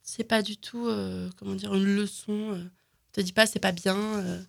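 A woman with a gravelly, creaky voice chats casually about films. She hesitates often, filling gaps with fillers and restarting her sentences. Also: medium pitch, fairly even intonation, normal speed. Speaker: film recommendation guest. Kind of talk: casual radio film chat.

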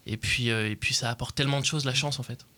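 A young man with a bright, crisp tone speaks in an even, nearly flat line. He is an interview guest describing his own path, pausing on fillers often. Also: medium pitch. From Portugal. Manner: hesitant, many fillers. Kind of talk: studio interview.

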